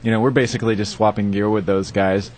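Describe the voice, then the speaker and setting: A man's voice: on the low side, steady tone, fast, a little mellow, slight background noise. A man, a touring musician, guesting on a radio show in the studio, wearing a headset and talking in a playful, boastful way with hip slang. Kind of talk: casual on-air chat.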